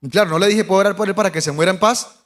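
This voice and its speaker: A Colombian pastor with a high voice speaks very fast, recounting a personal testimony during a sermon. He tells it with animation, performing the voices of the people in his story, and the recording carries a long hall reverb.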